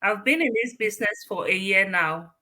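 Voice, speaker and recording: A woman speaks briefly on a video call and keeps checking whether she can be heard. Her voice is bright and sharp, at middle pitch. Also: normal speed. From Cameroon. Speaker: guest.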